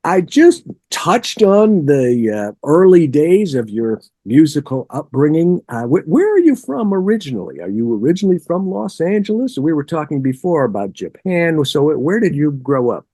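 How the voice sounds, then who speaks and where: A male host opens his bass show with a lively, sing-song delivery. His voice is a bit husky and breathy. The sound is dry and close, with no room around it. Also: normal speed, hardly any pauses, dry recording. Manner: upbeat scripted intro, then casual questions. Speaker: interview host. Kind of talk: podcast interview.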